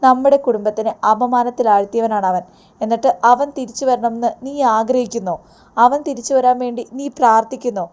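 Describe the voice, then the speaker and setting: A woman's voice: a little high, a little fast, darkish tone, natural voice. A woman voicing a stern father who rebukes his daughter. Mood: reproachful. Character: stern father, offended parent.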